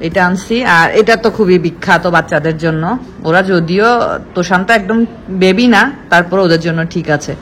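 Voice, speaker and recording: A woman's voice: fairly low pitch, fairly bright tone, a little hiss or hum, low-quality recording. A young woman, chatting casually to viewers in a home grocery haul vlog. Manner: chatty, talks to viewers and to her husband off camera. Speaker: vlogger. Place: home kitchen.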